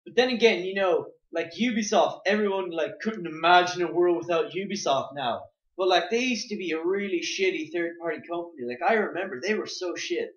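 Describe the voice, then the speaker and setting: A man's voice: brisk, hardly any pauses. A young man co-hosting a casual gaming podcast, rambling with lots of fillers. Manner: rambling, lots of "like", jumps up and down in pitch. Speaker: podcast co-host. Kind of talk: casual chat. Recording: echoey room, muffled lo-fi mic.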